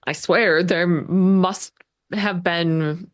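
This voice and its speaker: A woman with a lowish voice co-hosts a podcast and mostly reacts with brief comments. She speaks slowly and takes her time with each thought. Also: fairly even intonation. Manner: unhurried, short reactive remarks. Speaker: podcast co-host. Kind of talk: casual chat, reacting to a recap.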